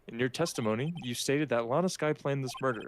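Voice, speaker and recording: A man's voice: mid-range voice, fast, noisy background, lightly acted. A man voicing an earnest young male defense attorney from a video game, making his case in an argumentative way. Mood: arguing. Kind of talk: reading game dialogue aloud in character. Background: game music.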